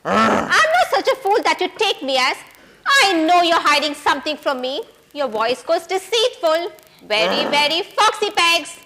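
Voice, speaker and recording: A prim, gushing young fiancée, acted by a woman. Her voice is very high, bright and jumps around in pitch. A faint hiss sits behind it. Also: sing-song, measured pace, full character voice. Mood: suspicious. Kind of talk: amateur stage comedy acting.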